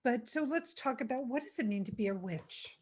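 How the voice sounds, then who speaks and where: Higher-voiced woman interviewer. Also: lively intonation, brisk, background noise. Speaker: interviewer, host. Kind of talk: conversational interview.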